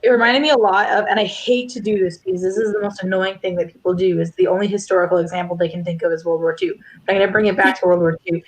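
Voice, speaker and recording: A woman's voice: mid-range voice, steady tone, very fast, few pauses, low-quality recording. A woman on a book discussion video call, talking frankly and animatedly and acting out what other people might say. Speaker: book club panelist.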